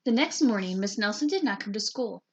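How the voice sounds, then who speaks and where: A woman teacher reading a picture book aloud in a slow, deliberate storytelling manner. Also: mid-range voice, expressive, dull audio, slight background noise.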